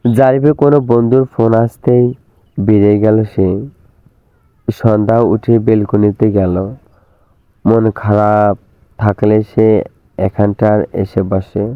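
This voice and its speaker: A man reads a romantic story aloud in a steady narrating voice. His tone is low and clear, and the recording is dry, tinny and narrow like a phone line. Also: takes it slowly, pauses often, dry recording.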